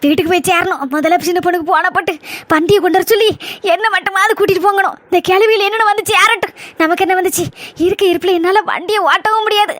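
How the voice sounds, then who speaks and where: High, bright-voiced woman in a village comedy skit. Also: no room sound. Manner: loud, dramatic, scolding. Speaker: comedy sketch performer playing several village women.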